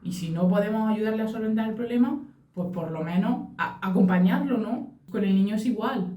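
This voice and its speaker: Earnest woman, dark roomy sound. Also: medium pitch, fairly quick, recorded from a distance. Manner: earnest, acts out quoted phrases. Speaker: podcast co-host, mother. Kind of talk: casual reflective chat. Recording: roomy echo, off-mic.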